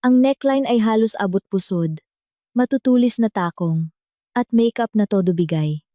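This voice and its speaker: A woman narrating a drama story in a slow, even storytelling manner. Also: medium pitch, no room sound, studio quality. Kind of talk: scripted narration.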